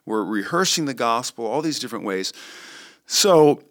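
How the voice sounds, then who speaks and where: A man, a worship pastor, talking in a relaxed podcast conversation, thinking aloud with frequent restarts and fillers. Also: medium pitch, normal speed. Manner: thoughtful, rambling with restarts and fillers.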